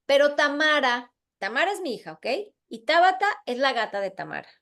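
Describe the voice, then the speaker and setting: A woman's voice: high-pitched, brisk. A middle-aged woman, an instructor telling an anecdote to her class, acting out the dialogue as she goes. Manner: animated, acts out the dialogue. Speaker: course instructor. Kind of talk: lively storytelling in a class.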